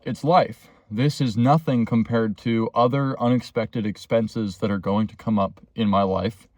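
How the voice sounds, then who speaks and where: A man's voice: lowish voice, a little mellow, no echo. A man vlogging a rambling, earnest self-help reflection while waiting beside a road for a tow truck, with frequent fillers.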